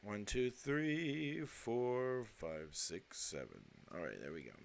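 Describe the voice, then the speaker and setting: A man hosting a live card unboxing, chatting casually in a rambling way with fillers and excited exclamations. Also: medium pitch, takes it slowly, gravelly, a little hiss or hum.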